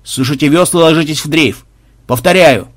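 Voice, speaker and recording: A man voicing the stiff, formal loudspeaker voice of an imperial flagship. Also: on the high side, normal speed, no room sound, studio quality. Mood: commanding. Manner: formal, repetitive official commands.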